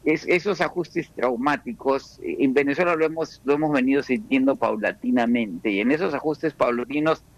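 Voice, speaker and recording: On a radio interview, an economist guest from Peru explains things in a careful, measured way, often starting his sentences over. His voice sits at a middle pitch, and the muffled recording has no room sound.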